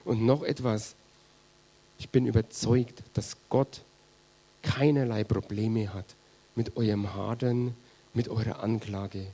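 Earnest German preacher with a husky voice. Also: male voice, fairly low pitch, fairly even intonation, takes it slowly, long pauses, mellow. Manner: earnest, pastoral, addresses congregation directly. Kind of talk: sermon.

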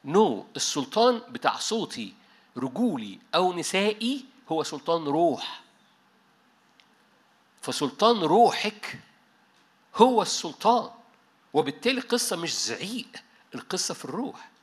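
A man with an Egyptian Arabic accent preaching a sermon to a church meeting, animated, dropping English words and often restarting mid-phrase. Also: a little high, fairly quick, breathy edge. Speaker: pastor.

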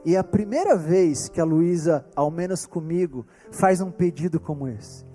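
Male Brazilian pastor, high-pitched and dark in tone, earnest preaching with slow emphasis, faint music underneath. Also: lively intonation. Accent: Brazilian Portuguese. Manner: earnest storytelling, slowing down for emphasis. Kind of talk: storytelling sermon.

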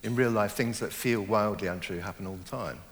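Recorded in a large hall, a middle-aged man with a lowish voice speaks briskly in a reflective interview. The novelist, born in Germany and raised in Hong Kong, is thoughtful and hesitant, full of fillers and false starts as he explores his ideas.

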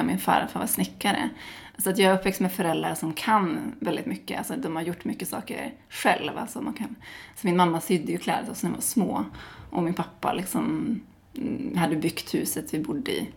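A woman's voice: fairly low pitch, vocal fry. A woman from Sweden, a guest in a casual interview, talking at length with many fillers and restarts.

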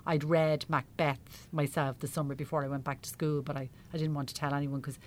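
A middle-aged Irish woman, an amateur actor appearing as an interview guest, chats casually and tells self-deprecating anecdotes. Her voice is low and level, and she talks fairly quickly. There's a little hiss or hum in the recording.

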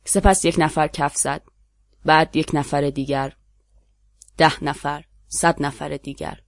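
A narrator with a Persian accent giving a measured, dramatic reading of a literary short story. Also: medium pitch, flat delivery, vocal fry, no echo, clean studio sound.

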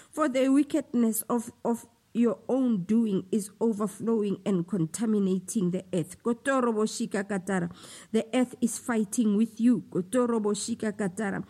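A woman delivering a slow, solemn prophetic utterance, with passages of speaking in tongues between declamatory lines. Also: a little high, darkish tone. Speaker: prophetic preacher.

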